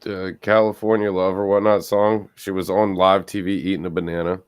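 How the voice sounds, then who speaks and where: A man on a podcast, chiming in casually with jokes and quick remarks. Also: deep voice, level tone, clear, resonant tone, dry recording, studio quality. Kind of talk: casual chat.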